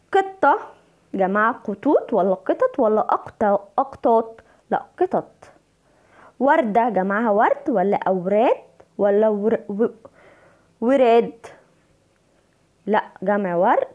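A woman's voice: mid-range voice, warm tone, highs cut off. A woman with an Egyptian Arabic accent teaching young children, stretching out words and answering her own questions. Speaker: primary school Arabic teacher. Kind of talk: online lesson for young children.

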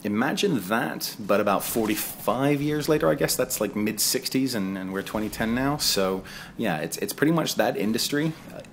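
Deep-voiced man in his thirties, chatty. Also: moderate pace, hardly any pauses, slight background noise. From England. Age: 30s. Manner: conversational and digressive, chatty asides. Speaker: gaming video creator. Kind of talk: casual voice-over commentary on gameplay.

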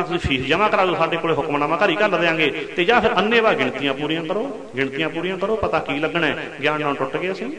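A man giving a Sikh katha sermon, chanting scripture lines slowly and then explaining them with quick rhetorical questions. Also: high voice. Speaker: Sikh preacher. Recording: echoey hall with long reverb.

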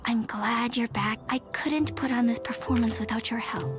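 A woman voicing a sensitive, dreamy young girl artist in a cartoon, breathy and precious in her deliberate phrasing. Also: sits high, sing-song, over music, heavily acted. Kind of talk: animated cartoon voice acting.

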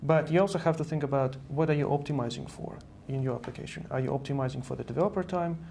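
An Estonian man in his thirties, a software engineer, appears as an earnest guest in an interview on a virtual news-style studio set, often repeating words while explaining. His voice is a little high, quick, creaky and warm, with slight background noise.

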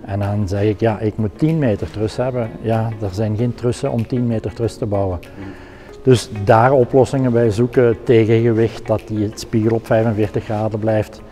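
Flemish man with a dark, mellow voice. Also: lowish voice, fairly even intonation, normal speed, soft background music. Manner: practical, hesitant with many fillers. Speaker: technical production director. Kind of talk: explaining his work in an interview.

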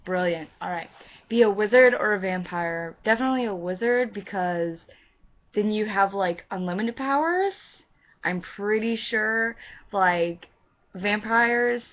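A woman's voice: mid-range voice, measured pace. A nineteen-year-old American woman from Missouri chatting casually to camera in a rambling, self-deprecating way, recorded on a webcam at home. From Missouri, United States. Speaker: vlogger answering a questionnaire. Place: room in a house. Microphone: webcam microphone. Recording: dull lo-fi webcam audio.

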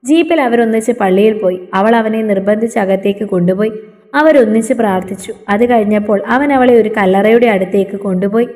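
A woman's voice: medium pitch, a little fast, dark tone. Woman storyteller with a long echo. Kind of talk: scripted story narration.

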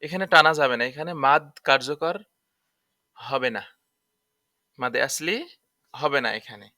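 A man teaches a tajweed lesson on Quran recitation, spelling out letters and vowel marks one by one and patiently repeating each rule. His mid-range voice is bright and forceful, a little slow, captured in clean studio sound with no echo.

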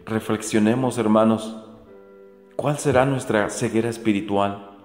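A man's voice: fairly low pitch, steady tone, measured pace. A man preaching a daily gospel reflection, earnest and repetitive, asking the faithful rhetorical questions again and again. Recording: echoey room with soft music.

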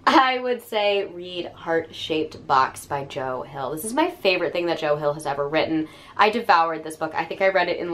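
A young woman with a cold, talking enthusiastically in a casual book review vlog, with many fillers. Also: lowish voice. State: hoarse from a cold.

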